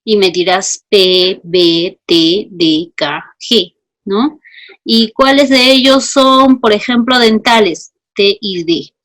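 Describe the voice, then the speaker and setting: A woman teaching a class over a video call, her mid-pitched voice picked up by a computer microphone. She explains at an unhurried, slow pace and keeps pausing to check that her students are following. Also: fairly bright tone. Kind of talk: online class lecture.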